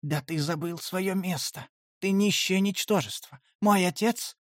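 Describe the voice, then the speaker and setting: Man doing a hoarse young elf, whiny, stammering, raised pitch. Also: measured pace, dry recording, clean studio sound. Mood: indignant. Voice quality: hoarse, wheezing. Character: arrogant young male elf, cowed and whimpering.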